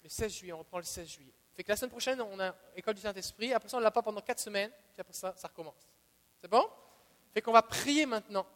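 Speaking quickly in a high voice within a large hall, a man with a Quebec French accent preaches a Bible sermon. He's emphatic, repeats his key phrases, and moves between quiet asides and loud proclamations.

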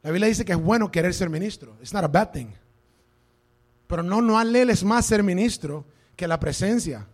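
A man's voice: high-pitched, moderate pace. A male pastor preaching a sermon to a congregation in a church, emphatic and dropping into English phrases.

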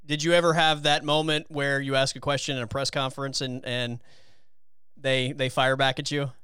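A man's voice: medium pitch, level tone, normal speed, sharp tone, clean tone, no echo, studio quality. A young man hosting a sports podcast, easygoing and asking questions. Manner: easygoing, asks questions with short agreements. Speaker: podcast host. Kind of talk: casual podcast chat.

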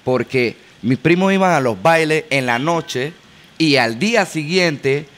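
A man's voice: on the high side, animated, a little slow, a bit bright. A man from Panama with a Panamanian accent, a guest DJ telling stories animatedly in a casual interview and mixing in English words. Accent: Panamanian Spanish.

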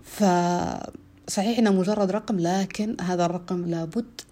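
A woman, hosting a solo podcast monologue in an earnest way, often repeating herself and pausing on drawn-out fillers. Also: fairly low pitch, fairly even intonation, warm tone. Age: 30s. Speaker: podcast host.

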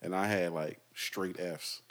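Young man, lowish voice, casual podcast chat, slangy storyteller. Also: steady tone, a little slow, a bit bright. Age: young adult. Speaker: podcast host.

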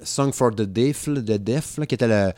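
A man's voice: mid-range voice, normal speed, a little mellow, no echo. A man in his thirties with a Quebec French accent, rambling casually about music on a podcast and laughing often. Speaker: podcast co-host.

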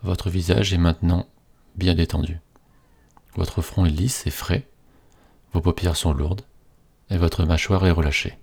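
Man, low-pitched voice, slow hypnotist delivery, soothing, repetitive scripted relaxation guidance. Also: steady tone, creaky, a little mellow, slightly rough. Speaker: relaxation guide. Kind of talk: scripted guided relaxation narration.

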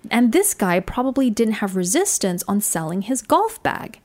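This solo podcast host, Singapore-born and Australia-raised, recounts personal stories earnestly and thoughtfully, often shifting pace. Her voice is on the high side, a little mellow, with big pitch swings at a normal speed.

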